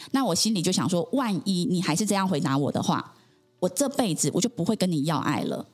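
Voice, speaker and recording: A woman's voice: on the low side, a little mellow. A woman, a podcast guest earnestly telling her personal story in conversation, with frequent affirming interjections.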